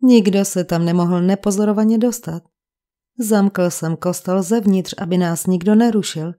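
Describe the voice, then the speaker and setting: A woman's voice: mid-range voice, dark tone, natural voice. A woman reading the part of a fussy English village vicar who speaks in a precise, cold and sarcastic way.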